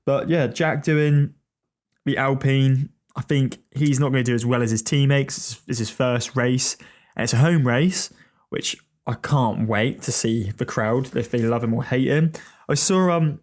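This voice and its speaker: A man's voice: mid-range voice, unhurried, a little mellow. A tired man hosting a casual solo podcast, rambling and swearing as he jokes along. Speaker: podcast host.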